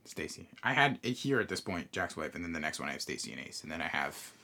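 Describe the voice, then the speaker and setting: Animated man recapping a show. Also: rumbling low, fast, gravelly. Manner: animated, explains at length, swears casually. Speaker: podcast co-host. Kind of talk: casual recap chat.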